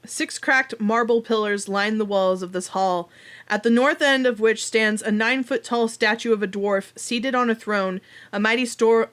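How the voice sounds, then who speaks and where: A woman's voice: a little high, fairly bright tone. A woman acting as game master, narrating a tabletop role-playing session in conversational speech.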